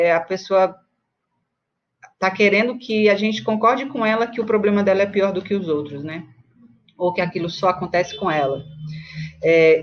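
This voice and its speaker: A woman's voice: mid-range voice, highs cut off. A woman with a Brazilian Portuguese accent teaching a book study in a casual, conversational way, often checking in with tag questions and acting out examples. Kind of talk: casual spoken lesson.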